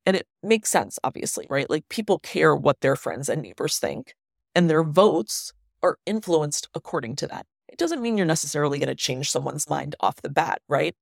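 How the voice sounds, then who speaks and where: A woman hosting a solo news commentary show, speaking in an earnest, emphatic way and stressing points by repeating words, on low-quality audio made without her usual microphone in a family home. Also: sing-song, normal speed, gravelly, no echo, clean studio sound. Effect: low-quality audio recorded without her usual microphone. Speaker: podcast host and newsletter writer.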